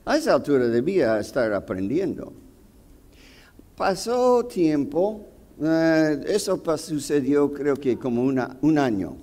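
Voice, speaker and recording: A man pastor preaching a sermon, telling a personal story with acted quotes and sudden loud bursts. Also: fairly high pitch, big pitch swings, measured pace.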